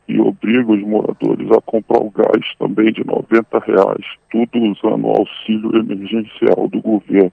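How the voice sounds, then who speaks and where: A man's voice: lowish voice, gravelly, slightly rough, no room sound. Man's voice, fuzz-distorted to stay anonymous. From Rio de Janeiro, Brazil. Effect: fuzzy electronic voice distortion to hide identity. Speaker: local resident giving anonymous testimony. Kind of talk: recorded anonymous statement in a news report. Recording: distorted, tinny phone-like sound, dry.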